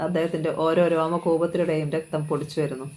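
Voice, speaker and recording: Flat, mellow novel narrator. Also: medium pitch, quick pace, poor audio. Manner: steady dramatic storytelling. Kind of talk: reading a novel aloud.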